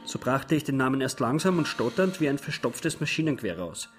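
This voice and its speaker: An actor playing a shy, withdrawn son in his forties who narrates quietly and reflectively. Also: medium pitch, big pitch swings, fairly quick, soft background music, lightly acted. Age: 40s. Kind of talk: radio play monologue.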